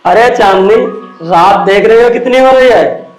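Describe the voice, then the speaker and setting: एक अभिनेता द्वारा निभाया गया काम में डूबा पति. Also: male voice, high-pitched, roomy sound, faint music behind, close to an everyday voice, rough recording. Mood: dismissive. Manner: dismissive, hurried. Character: busy husband, dismissive, work-focused.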